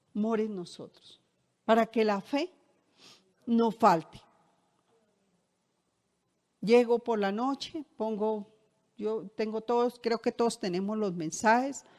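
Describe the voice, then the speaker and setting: A woman's voice: fairly high pitch, a little mellow. A middle-aged woman pastor, preaching a sermon in a conversational way and asking the congregation rhetorical questions. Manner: conversational, shares personal anecdotes.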